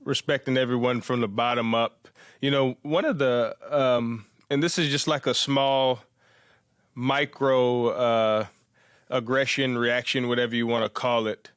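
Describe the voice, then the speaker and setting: A man's voice: medium pitch, steady tone, a little slow, a bit bright, smooth, dry recording, studio quality. A man interviewing in a casual, agreeable way, affirming what his guest says.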